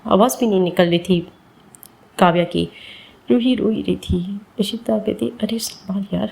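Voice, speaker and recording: A woman storyteller reading out a dramatic serialized romance, emotional and talking to her listeners directly. Her voice is gravelly and mellow. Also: mid-range voice, a little slow, poor audio. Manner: emotional, addresses listeners as guys.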